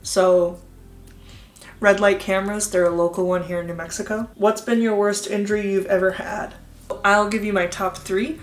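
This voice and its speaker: An American woman gives a casual question-and-answer chat. Her mid-pitched voice wanders candidly from thought to thought. The sound is roomy, with clear echo around her words. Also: level tone, normal speed. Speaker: YouTube creator answering viewer questions.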